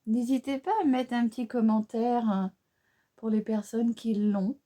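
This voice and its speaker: A beauty vlogger with a French accent talks slowly and unhurriedly through a makeup tutorial. Her fairly high voice is mellow and warm rather than bright, with fairly even intonation. She chats casually, often hesitating with fillers and restarts.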